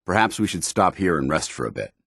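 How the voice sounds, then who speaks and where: An actor playing a stern, dutiful military paladin in a post-apocalyptic video game, speaking formally with clipped authority. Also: male voice, low-pitched, very animated, quick pace, creaky, a bit bright, slightly rough, no room sound, clean studio sound, exaggerated voice. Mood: vigilant, matter-of-fact. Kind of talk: video game companion dialogue.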